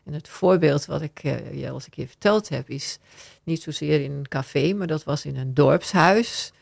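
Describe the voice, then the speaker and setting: A woman's voice: deep voice, moderate pace, vocal fry, slightly rough, dry recording, clean studio sound. A woman working as a confidential adviser, giving a radio interview and explaining an example with hesitant restarts. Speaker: confidential adviser on workplace conduct.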